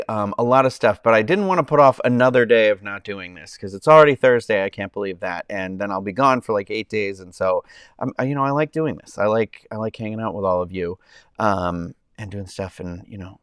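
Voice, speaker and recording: Congested and nasal from a summer cold, a man with a mid-range, clean-toned voice chats casually with his live stream viewers, rambling with many ums and restarts. A clip-on mic under his shirt gives a clean, studio-like sound with no room ambience.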